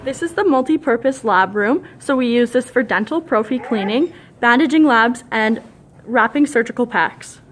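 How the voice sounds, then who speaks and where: A young woman student gives a guided tour of a veterinary teaching clinic, explaining each room plainly and matter-of-factly. Her voice sits on the high side, animated, at a moderate pace, with slight background noise.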